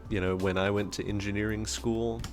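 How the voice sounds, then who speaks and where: A man with a lowish, level voice talks a little fast as he streams live, chatting casually and thinking aloud with ums while working through a design. He's a streamer and engineering teacher, and music plays in the background.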